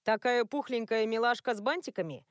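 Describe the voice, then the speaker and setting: Женщина читает за молодого инспектора, раздражённый, вздыхающий, нетерпеливый, сухой звук. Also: female voice, on the high side, fairly quick, no room sound, studio quality, natural voice. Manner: sighing, exasperated. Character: young male police inspector, flustered and impatient.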